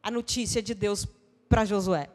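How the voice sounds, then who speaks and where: A Brazilian woman preaching a sermon as a missionary pastor, dramatic, swinging between shouting and hushed tones and acting out quoted dialogue. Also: medium pitch, fairly even intonation, a little slow. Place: church hall. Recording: long church-hall reverb.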